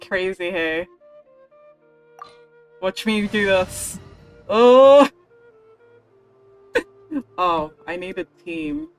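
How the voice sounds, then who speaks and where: Streaming a video game, a woman talks casually to herself and her viewers over the game's music. Her mid-range voice is animated but very slow, broken up by long pauses.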